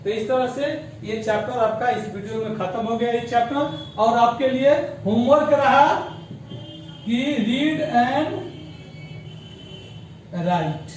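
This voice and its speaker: High-pitched male teacher in echoey room. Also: far from the mic, soft background music. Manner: explains slowly, spells out words syllable by syllable; mixes English terms into Hindi. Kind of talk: grammar lesson. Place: school classroom.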